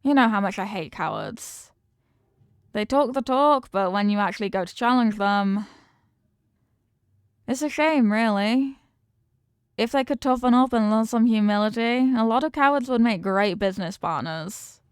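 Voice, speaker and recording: In an intimate ASMR-style roleplay, a woman plays a confident, doting mafia boss, tough but affectionate, teasing and streetwise with slang and pet names, yet contemptuous in mood. Her fairly high voice is animated, smooth and lightly acted at normal speed, in clean, echo-free studio sound.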